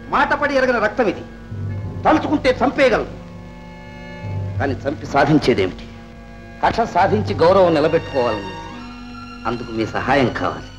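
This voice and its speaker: An actor playing a smooth-talking, scheming middle-aged landlord in a 1960s film, measured and persuasive. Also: male voice, a little high, sing-song. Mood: proud. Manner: measured, persuasive, rising to proud anger. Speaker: zamindar. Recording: old film soundtrack with faint music.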